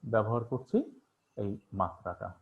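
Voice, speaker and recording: A man's voice: on the low side, a little slow, vocal fry. A man teaching an online class, asking questions and answering them himself, with many fillers. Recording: tinny phone-like online class audio.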